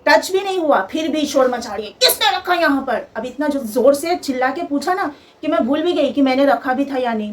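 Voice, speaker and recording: High pitched young woman venting on her vlog, emphatic, listing all her complaints. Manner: emphatic, aggrieved, talks through lists. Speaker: vlogger. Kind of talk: personal storytelling vlog.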